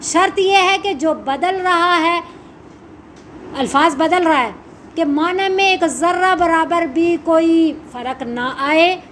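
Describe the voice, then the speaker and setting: A woman's voice: extremely high pitch, fairly bright tone, slight background noise. A woman Quran teacher explaining a religious lesson, asking and answering her own questions. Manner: slow, measured recitation of Arabic supplications.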